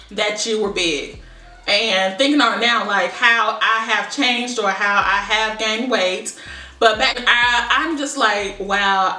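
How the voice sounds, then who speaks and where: A woman's voice: a little high, pushed and bright. A young adult woman vlogger rambling in a casual, conversational chit-chat, thinking aloud. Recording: echoey room, distant mic.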